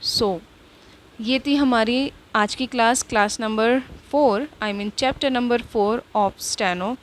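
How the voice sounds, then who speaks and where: Slow, patient woman teaching shorthand. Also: a little high. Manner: patient, repeats each word several times; mixes English words into Hindi. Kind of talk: slow Hindi-English lesson.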